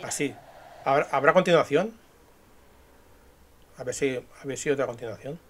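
A man giving quiet, self-mocking asides between comic dubs. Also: medium pitch, moderate pace. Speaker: comedy creator. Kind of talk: casual aside commentary.

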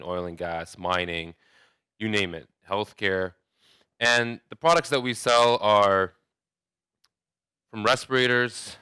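Bright-toned man giving a conference talk. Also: on the low side, clear, resonant tone, dry recording, studio quality. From Saudi Arabia. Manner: conversational, many restarts and fillers. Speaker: conference speaker. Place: large hotel ballroom, indoors.

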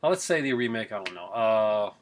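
In a small room at home, a middle-aged collector unboxes a Blu-ray on a webcam at his desk, chatting casually and rambling with plenty of fillers and restarts. His voice is fairly low, expressive and fairly quick, with slight background noise.

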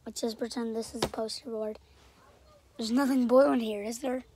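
A woman recording a rambling casual vlog from inside a closet, drifting between soft whispers and excited bursts. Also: a little high, moderate pace, background noise. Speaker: video creator.

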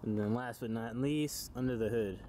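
A man's voice: mid-range voice, moderate pace, background noise. A young man vlogging outdoors, talking casually through his car's parts with lots of fillers and the odd swear word. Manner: laid-back, many fillers, casual swearing. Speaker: car vlogger. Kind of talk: casual walkaround car review. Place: outdoors behind a shopping store.

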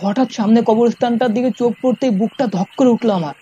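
A man's voice: extremely high pitch, fast talker, a little hiss or hum. A man narrating a scripted first-person horror story in a suspenseful, dramatic manner. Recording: dull lo-fi sound, music behind. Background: loud music.

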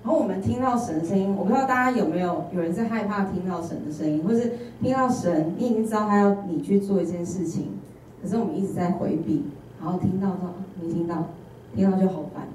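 A woman's voice: mid-range voice, fast, slight background noise. A woman with a Taiwanese Mandarin accent giving a sermon as an intern preacher, telling humorous personal stories and acting out bits of dialogue. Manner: animated storytelling with humorous personal anecdotes and acted-out dialogue. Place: church sanctuary. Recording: echoey church hall, voice from a distance.

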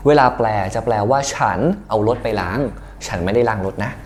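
A young man with a Thai accent teaching an English grammar lesson, lively, often checking that students follow along. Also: fairly low pitch, fairly quick, slight background noise. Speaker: English exam tutor.

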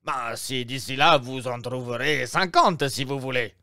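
A man reading aloud and voicing an excitable, flattering Italian innkeeper in a raised, exclamatory voice. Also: a little slow, no echo, clean studio sound. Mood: eager. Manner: exclamatory, fawning, pitched high.

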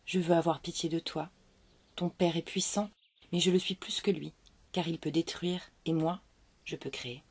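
A woman voicing a benevolent female spirit of life, calm and solemn, in a storybook reading. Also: lowish voice, moderate pace, slightly rough.

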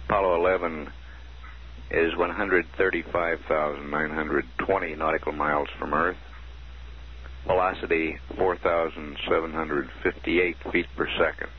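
Very deep-voiced man on a muffled radio feed. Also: fairly even intonation. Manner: measured, businesslike, reading figures. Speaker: mission control commentator. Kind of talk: formal status announcements. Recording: dull 1969 archive broadcast, faint hiss.

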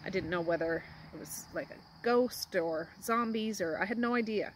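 A woman's voice: mid-range voice, moderate pace, a little hiss or hum. A middle-aged woman hosting a casual book chat over tea at home, talking in a rambling, homey way. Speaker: book vlog host. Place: home, indoors.

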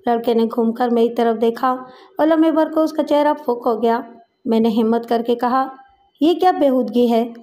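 A woman reading a crime story aloud in a steady, dramatic storytelling manner. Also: a little high, moderate pace. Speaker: audiobook narrator. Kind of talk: scripted narration of a crime story.

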